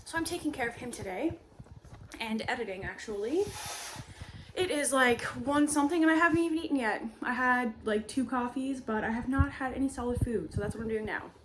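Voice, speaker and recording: A woman's voice: a little high, a little fast, noisy background. A young woman vlogging casually at home, chatty and self-deprecating, laughing often. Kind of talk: casual food vlog chat. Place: indoors at home.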